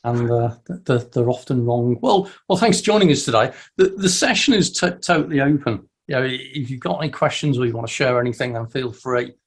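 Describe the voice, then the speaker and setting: A man's voice: medium pitch, animated, fairly quick, few pauses, slightly rough. A man hosting a casual group chat over a video call. He talks in a loose, friendly way and often stumbles and restarts his sentences. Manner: chatty, many restarts. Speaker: host.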